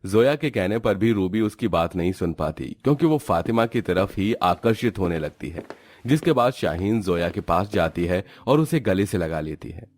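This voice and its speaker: A man narrating a cartoon horror story in an even storytelling delivery. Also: low-pitched, normal speed, dry recording.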